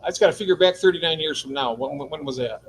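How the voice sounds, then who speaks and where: A man's voice: on the high side, racing, slight background noise, rough recording. A man co-hosting a casual livestream, joking around, laughing often and reading chat comments aloud. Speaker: livestream co-host.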